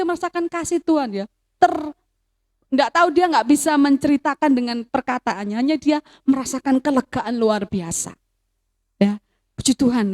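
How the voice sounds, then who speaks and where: A woman's voice: high voice, a little mellow. A woman, telling a personal testimony in a sermon for young people and mixing in phrases as she tells the story. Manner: storytelling, drops into Javanese phrases. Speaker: youth speaker.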